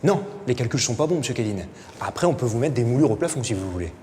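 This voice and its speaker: A man's voice: medium pitch, big pitch swings, fast talker, darkish tone, slight background noise. A man playing a real-estate agent character as a guest in a comedy sketch, earnest and rambling. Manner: earnest, mock-serious and rambling. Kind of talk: mock interview comedy sketch.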